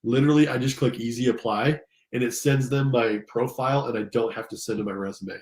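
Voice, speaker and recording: Here the same kind of speaker, an American man who coaches careers and teaches, talks fairly quickly in a medium, slightly mellow voice. He's mildly congested from allergies while addressing viewers directly in an upbeat, informal screen-share tutorial, and the sound is spacious and echoing.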